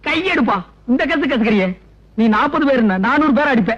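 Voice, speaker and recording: An actor playing a blustering, cowardly middle-aged train passenger in a comedy film, talking with loud, whining bickering. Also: male voice, very high voice, animated, fairly quick. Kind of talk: 1990s film comedy acting. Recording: dull film soundtrack.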